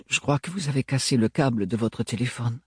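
A man's voice: medium pitch, a little mellow, breathy edge, no room sound, studio quality. A man voicing a timid, earnest young woman in an audiobook reading, with a hesitant, stammering manner.

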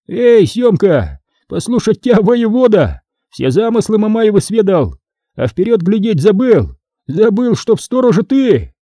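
A man voicing a contrary, mocking medieval warrior who shouts his taunts. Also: high voice, very animated, a little slow, no echo, clean studio sound, voice pushed up, heavily acted. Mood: jeering. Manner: shouting, jeering.

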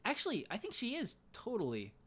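A man's voice: sits high, wildly swooping pitch, fairly quick, a bit bright, slightly rough. A man co-hosting a casual podcast. He talks hesitantly, with many fillers and restarts. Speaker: podcast co-host.

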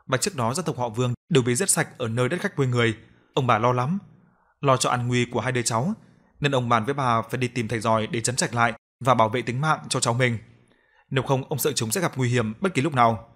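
A man's voice: medium pitch, a bit bright. Man narrating a ghost story.

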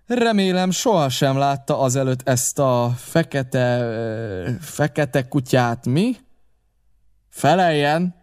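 A man voicing a blustering one-legged male pirate cook, speaking loudly and theatrically, often drawing his words out slowly. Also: mid-range voice, smooth, lightly acted. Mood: interrogating. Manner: loud, theatrical, drawn-out and slow.

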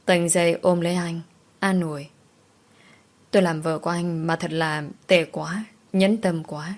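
Woman reading a sad story out loud, first person, lowish voice, heavy emotional tone. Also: fairly even intonation, unhurried. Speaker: audiobook narrator. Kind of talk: first-person audiobook narration.

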